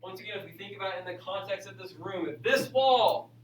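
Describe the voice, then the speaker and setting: A man's voice: sits high, flat delivery, very fast. A man teaching a school class, repeating himself step by step and urging students along like an aerobics instructor, with frequent okay check-ins. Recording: echoey classroom, distant mic, faint hum.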